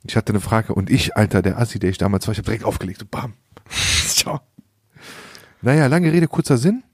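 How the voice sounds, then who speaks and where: A man's voice: on the low side, expressive, fast, breathy edge, dry recording, clean studio sound. A young man telling a story in casual slangy chat, often laughing and acting out quoted lines. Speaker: podcast host.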